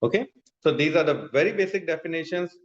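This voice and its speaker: This Pakistani-accented chemistry teacher talks quickly in a slightly high voice with lively intonation, blending explanation with questions to students. He repeats important terms and frequently checks comprehension, and the room sounds dull and echoey.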